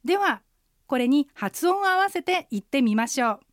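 A woman, an interpreter guide, teaching a radio language lesson, explaining phrases patiently and slowing down to model pronunciation. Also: high voice, big pitch swings, dry recording, clean studio sound. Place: radio studio.

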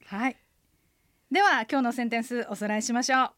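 A woman co-hosting a radio language lesson, explaining pronunciation clearly. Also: fairly high pitch, fairly quick, fairly bright tone, no room sound, clean studio sound.

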